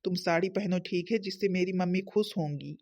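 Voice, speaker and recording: An actor voicing a young cartoon husband who calmly soothes and instructs his wife. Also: medium pitch, fairly quick, close to an everyday voice. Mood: coaxing. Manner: soothing, lecturing. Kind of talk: cartoon story voice acting.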